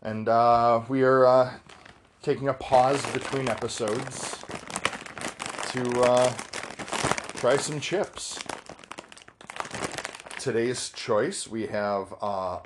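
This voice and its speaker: A man co-hosting a casual podcast, talking slowly with many pauses and fillers. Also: medium pitch, very noisy. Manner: slow, hesitant, many fillers. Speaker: podcast co-host. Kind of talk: casual chat.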